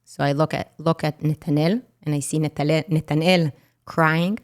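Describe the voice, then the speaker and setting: Low, smooth-voiced Israeli woman telling her story. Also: fairly even intonation, normal speed. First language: Hebrew. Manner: vivid retelling, acting out quoted dialogue. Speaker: podcast guest. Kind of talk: personal storytelling in an interview.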